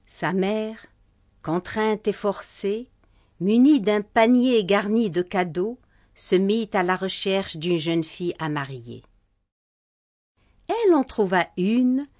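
A woman telling a folk tale in a measured, unhurried storytelling manner. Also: medium pitch. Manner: measured, unhurried narration with a closing formula.

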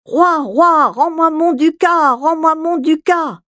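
A woman voicing a small, plucky, stubborn cockerel in a high, insistent sing-song chant. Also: animated, takes it slowly, dry recording, full character voice.

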